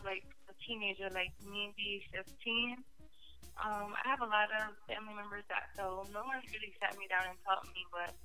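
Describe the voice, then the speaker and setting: A young woman from New Jersey calls in to a podcast over a phone line. Her voice is bright and clear, and she chats in an easygoing way, full of fillers. Faint music plays behind her. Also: mid-range voice. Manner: easygoing, chatty, lots of fillers. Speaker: guest caller, clothing designer. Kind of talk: casual phone interview. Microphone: earbuds over phone line.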